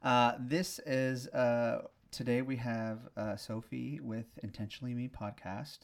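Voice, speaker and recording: A man's voice: medium pitch, steady tone, unhurried, gravelly. A man hosting a podcast in casual conversational chat. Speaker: podcast host.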